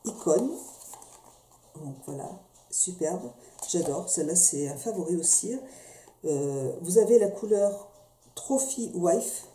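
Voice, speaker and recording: Woman beauty vlogger, dark mellow voice, hesitant and chatty, echoey home room with faint hiss. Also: fairly low pitch, lively intonation, unhurried, long pauses. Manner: chatty, hesitant, many fillers and restarts. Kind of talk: casual product review.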